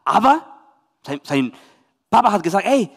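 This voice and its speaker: A man from Chile with a Spanish accent, a youth pastor telling a Bible story to children and parents in lively, emphatic German. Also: high voice, normal speed, vocal fry, long reverb tail.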